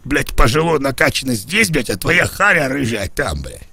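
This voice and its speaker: A man's voice: mid-range voice, very animated, normal speed, gravelly, pushed and bright, breathy edge, no room sound. A man trolling other players in a game voice chat over a headset, crude and provocative, pleading in mock distress. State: claims to be drunk.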